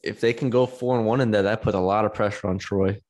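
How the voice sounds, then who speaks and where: A man's voice: lowish voice, steady tone, fast talker, a little mellow. A man co-hosting a casual sports podcast, talking enthusiastically with frequent fillers and restarts. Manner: enthusiastic, conversational, many fillers.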